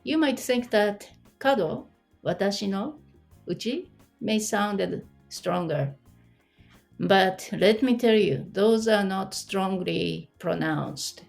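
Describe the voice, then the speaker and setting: A woman's voice: medium pitch, lively intonation, slow, creaky, a little mellow, faint music behind. A woman teaching an online language lesson, explaining patiently and asking the listener questions.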